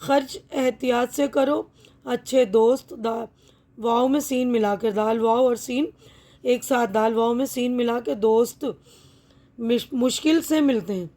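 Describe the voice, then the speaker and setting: A woman teacher with a high, light voice walks pupils through a textbook lesson. She is patient and methodical, spelling out each word slowly and often pausing to check that they follow. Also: dark tone. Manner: patient, repeats words slowly, checks understanding.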